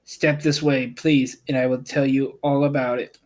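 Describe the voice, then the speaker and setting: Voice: mid-range voice, flat delivery, moderate pace, a little mellow, lightly acted. A man voicing an apologetic little humbug wizard who explains himself in a storybook reading. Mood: explaining tricks.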